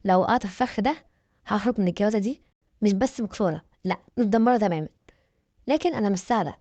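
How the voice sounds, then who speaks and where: Fast-talking Egyptian woman storyteller. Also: medium pitch, warm tone, no room sound. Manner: dramatic, emphatic. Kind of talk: first-person dramatic story narration.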